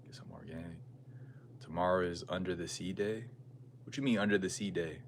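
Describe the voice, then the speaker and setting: A man's voice: sits low, brisk. An American man in a casual livestream chat, musing aloud in slangy, conversational talk as he answers viewers. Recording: clear background noise and ambience.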